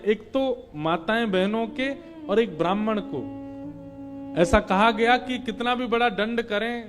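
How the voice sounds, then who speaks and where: A man tells a devotional story sermon in a high voice, acting out the scene with dramatic turns. He chants old verses slowly between the telling. Faint instrumental music runs underneath. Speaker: kathavachak, Bhagwat storyteller.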